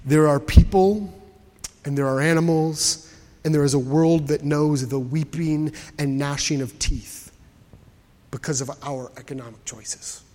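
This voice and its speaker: A man preaching a sermon, telling a personal story in an animated way and often repeating words as he goes. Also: fairly high pitch, measured pace. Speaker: pastor. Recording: preached in a hall with long reverb.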